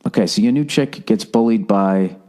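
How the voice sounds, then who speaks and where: A man's voice: fairly low pitch, moderate pace, warm tone. A middle-aged man rambling casually as a podcasting comedian, profane and sarcastic, and he jumps into mocking voices. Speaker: comedian hosting a podcast, answering listener letters.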